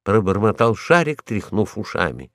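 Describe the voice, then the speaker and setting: A man's voice: fairly low pitch, very animated, moderate pace, dry recording, studio quality. A man narrating a storybook, reading expressively.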